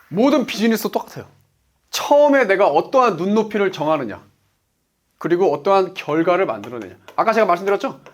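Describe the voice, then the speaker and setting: Here a man in his forties, working as a coach, gives an emphatic motivational talk on business. He asks rhetorical questions and then answers them, in a high, slightly bright voice.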